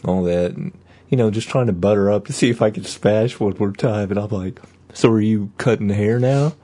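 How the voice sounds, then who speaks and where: A man co-hosting a podcast, trading crude jokes in casual banter and half-rapping a comic rant in a low mumble. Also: moderate pace, mellow. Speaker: podcast co-host.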